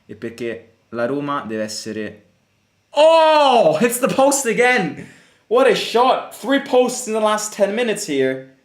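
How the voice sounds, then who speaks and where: A young man from Italy speaks slowly in a high-pitched voice while hosting a fan channel's live football watchalong. He answers viewers, keeps the chat easygoing, and breaks into excited outbursts over the play.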